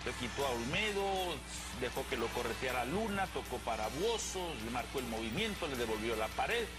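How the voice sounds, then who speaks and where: A man's voice: medium pitch, big pitch swings, normal speed, loud music behind the voice. A man commentating on a football replay, describing the play step by step.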